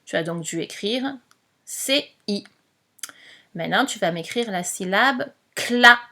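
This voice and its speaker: A woman teacher reads a dictation at a very slow, deliberate pace. She patiently spells out each letter one at a time, her voice sitting at an ordinary middle pitch. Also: expressive, sharp tone.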